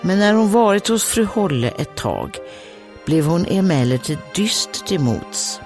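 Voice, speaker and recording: Swedish comedienne, animated read-aloud of a fairy tale with wry asides. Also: female voice, fairly low pitch, soft background music. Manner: reads aloud, breaks off for joking asides. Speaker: comedian and host.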